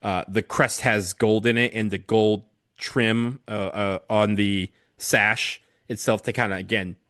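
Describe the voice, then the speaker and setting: Talking about football kits on a podcast he co-hosts, a man speaks unhurriedly in a steady, rather low but slightly bright voice, stumbling through fillers and restarts in casual chat. There's no room sound, just a clean studio recording.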